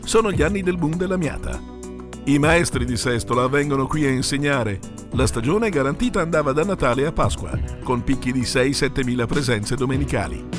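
A man reading a scripted documentary narration in a measured, informative way. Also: mid-range voice, animated. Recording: voice-over with music behind. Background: music.

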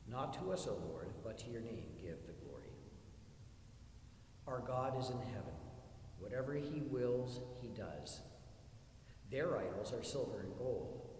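A man leading Mass as a priest, reciting prayers and readings in a measured, solemn way. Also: mid-range voice, a little mellow, a little hiss or hum. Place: church. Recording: echoey church from a distance.

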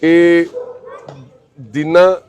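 A man with a Punjabi accent speaking gently and reassuringly, with frequent religious invocations, then addressing viewers. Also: on the high side, level tone, extremely slow. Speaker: social worker speaking to camera. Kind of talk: consoling talk and direct address to viewers.

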